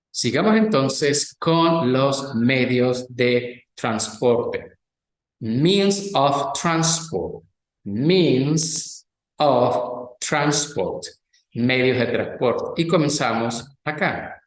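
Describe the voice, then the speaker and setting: Slow, patient male English teacher. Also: mid-range voice, echoey room. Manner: slow, careful pronunciation drills alternating English and Spanish. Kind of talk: recorded lecture with slides.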